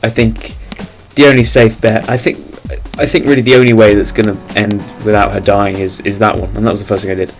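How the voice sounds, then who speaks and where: A man's voice: lowish voice, flat delivery, a little fast, gravelly, hardly any pauses, soft background music. A man reading a game's text aloud and joking about it in wry asides. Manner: wry, laughs at the dark twists. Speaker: game streamer.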